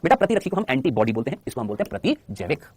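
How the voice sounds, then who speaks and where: Animated, rapid-fire male teacher. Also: medium pitch, breathy edge, no room sound. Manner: chatty, teasing, addresses students as brother and child. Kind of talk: live online class lecture.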